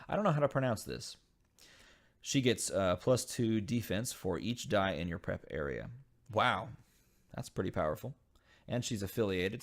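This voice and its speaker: A man hosting a casual unboxing video, reading game card text aloud and thinking over each card with frequent pauses. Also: low-pitched. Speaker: channel host opening dice game packs.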